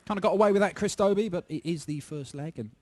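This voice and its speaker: A man's voice: high-pitched, quick pace, dark tone. A man giving live darts commentary with conversational analysis of the players and the play. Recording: clearly noisy live sports broadcast.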